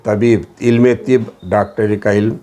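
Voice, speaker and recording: A man's voice: lowish voice, slight background noise. Hyderabadi man drilling vocabulary. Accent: Hyderabadi Urdu. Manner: repeats each word and its meaning in a steady drill, mixing in English words. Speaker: Arabic teacher. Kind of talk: classroom lesson.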